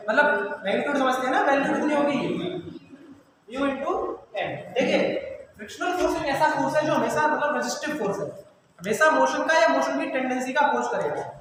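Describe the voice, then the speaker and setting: High-voiced man teaching physics in an echoey hall. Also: animated, fairly quick. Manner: checks understanding after nearly every line; mixes English technical terms into Hindi explanation. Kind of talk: classroom lecture. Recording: echoey hall from far off, faint noise.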